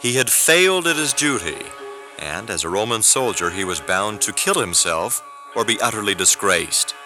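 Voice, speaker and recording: Low-voiced male narrator over music. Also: expressive, moderate pace, bright, forceful tone. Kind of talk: scripted narration.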